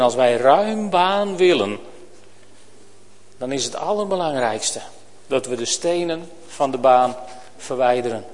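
A man preaching a sermon in a church, earnest and pleading, swinging between loud urgent calls and hushed quiet passages. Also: on the high side. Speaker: pastor. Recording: long reverb of a church hall.

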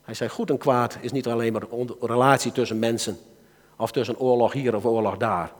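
Male preacher, Dutch accent, mid-pitched, lively sermon delivery, long hall reverb. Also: brisk. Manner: lively, swings between soft asides and loud exhortation. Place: church hall.

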